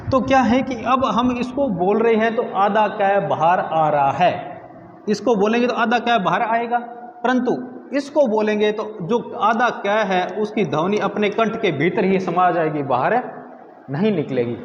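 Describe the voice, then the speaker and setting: Male grammar teacher, high voice, asks and answers his own questions, echoey room with a dull lo-fi sound. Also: slight background noise. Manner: asks students questions and answers them himself, repeats words slowly. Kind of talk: video lesson.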